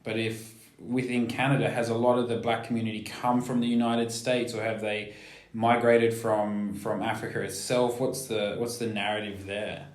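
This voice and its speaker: Low-pitched male pastor, hesitant and questioning, roomy echo. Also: flat delivery, normal speed. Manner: hesitant, questioning, many ums. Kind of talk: conversational discussion.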